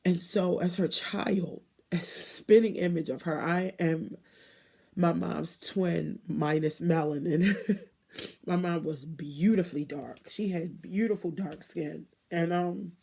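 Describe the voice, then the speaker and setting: A woman in her thirties giving a candid, emotional personal monologue to viewers, with emphatic pauses and blunt swearing. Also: fairly low pitch, steady tone, creaky, warm tone, husky. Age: 30s.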